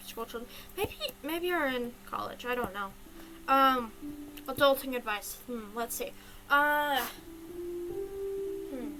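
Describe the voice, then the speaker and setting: A woman's voice: high voice, bright, forceful tone, a little hiss or hum, poor audio. A young woman streamer chatting casually and giving advice, rambling with lots of ums and little giggles. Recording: clear background music. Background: music.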